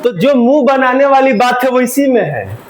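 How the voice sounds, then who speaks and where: A man's voice: very high voice, big pitch swings, normal speed. A male teacher giving a Hindi grammar lesson, asking the class questions and having them repeat the answers. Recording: roomy classroom echo.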